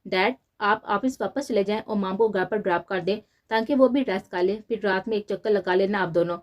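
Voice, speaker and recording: A woman's voice: mid-range voice, brisk, highs cut off, lightly acted. A woman reading the lines of a young male police officer in an audio novel, speaking in an earnest, soothing way. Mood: gentle.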